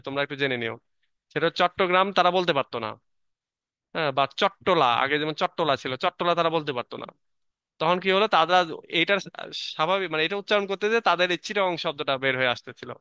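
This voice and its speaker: Male teacher, Bangladeshi Bengali accent, slightly high, bright voice; reads English slowly, explains casually. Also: smooth, no room sound. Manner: reads English lines slowly, then explains them conversationally; frequent fillers and self-corrections.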